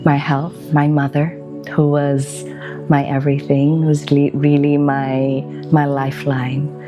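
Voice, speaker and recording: Low, flat-voiced reflective woman over music. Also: lo-fi sound. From Belgium. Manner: slow, gentle and reflective, with pauses. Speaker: wellbeing practitioner.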